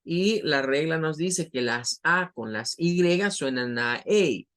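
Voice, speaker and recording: Slow, patient Latin American teacher. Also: male voice, a little high, expressive, fairly bright tone. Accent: Latin American Spanish. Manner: patient, repeats each word slowly for pronunciation. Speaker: English teacher. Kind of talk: online vocabulary lesson.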